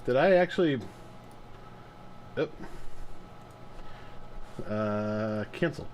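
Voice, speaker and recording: A man's voice: medium pitch, lively intonation, very slow, muffled recording, a little hiss or hum. A man hosting a live game stream, chatting casually in a rambling way and laughing often. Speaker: streamer host.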